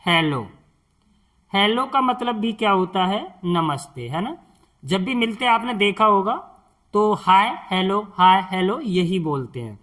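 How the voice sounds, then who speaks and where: A man's voice: high voice, expressive, measured pace, bright, forceful tone. A man teaching beginners, spelling out words letter by letter and patiently asking the listener questions. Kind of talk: spoken English lesson for beginners.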